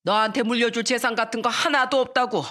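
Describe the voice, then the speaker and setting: A woman's voice: on the high side, fairly even intonation, lightly acted. A woman voicing an angry 65-year-old father who scolds his grown children in a radio story. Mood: defiant scorn. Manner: shouting, scolding, drawn-out demands.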